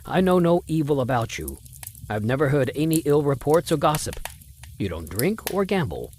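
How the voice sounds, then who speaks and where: A voice actor plays Mister Spencer, a stern, condescending, wealthy older father who refuses a suitor in an old-time radio drama. His voice is on the high side and a little mellow, with big pitch swings at normal speed.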